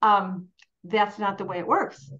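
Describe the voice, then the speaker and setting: A woman's voice: mid-range voice, fairly even intonation, measured pace, a bit bright. Woman team leader, candid and chatty, mid-range voice, acts out inner self-talk, dull lo-fi recording. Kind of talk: motivational team meeting talk. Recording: dull lo-fi sound.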